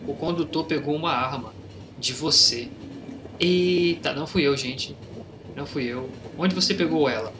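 A young Brazilian man commenting casually on a game he plays, reading its lines aloud and shouting in fights. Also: fairly high pitch. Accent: Brazilian Portuguese. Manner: casual slangy, reads game dialogue aloud, excitable during fights. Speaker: gameplay youtuber. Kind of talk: let's play commentary. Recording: game noise behind voice. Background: train and game sounds.

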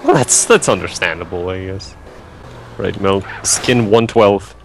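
A man's voice: sits low, expressive, unhurried, a little hiss or hum. A man joking and laughing often while chatting over a headset during a multiplayer game. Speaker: gamer. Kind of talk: casual multiplayer gaming chat.

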